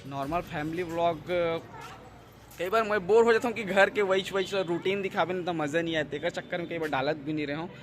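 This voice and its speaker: With music in the background, a man hosting a family vlog shows viewers his home, moving around the house and rooftop outdoors. He has a Chhattisgarhi accent, chats casually as though among friends, and speaks fairly quickly in a voice on the high side.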